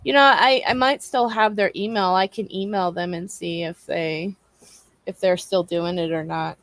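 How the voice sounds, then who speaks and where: A young woman co-hosting a live online show, talking in a relaxed, halting way with many ums. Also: on the low side, no room sound. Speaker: co-host of a live advocacy show. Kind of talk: casual chat.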